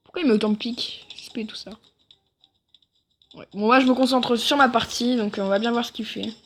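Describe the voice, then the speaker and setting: A woman's voice: on the high side, steady tone, fairly quick, a little hiss or hum. A woman giving rambling gameplay commentary for a video, often correcting herself mid-sentence. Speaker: gaming video creator.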